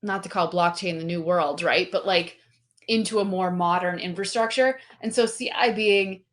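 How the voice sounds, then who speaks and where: A woman speaking as a guest in a casual interview, animated and talkative, full of fillers and restarted sentences. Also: on the low side, normal speed. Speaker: guest, company representative.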